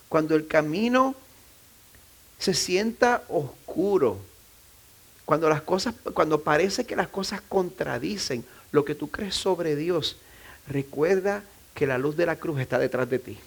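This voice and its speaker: A man's voice: fairly high pitch, vocal fry. A man, a pastor, preaching a sermon in a loose, conversational way, often restarting phrases and dropping in self-deprecating asides. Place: church.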